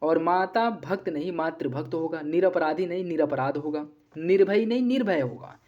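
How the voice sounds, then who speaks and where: A teacher leads an exam-prep grammar lesson, moving quickly through corrections in a fixed drill pattern. The voice is medium-pitched with a darkish tone, captured in a dull, lo-fi recording.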